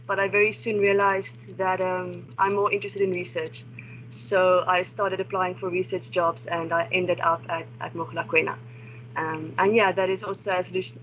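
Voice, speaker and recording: This young South African woman, a wildlife research assistant, talks to an online seminar in a friendly, informal manner, sometimes restarting her sentences. Her voice is fairly low and a bit bright, coming through a video call with slightly dull sound and faint noise.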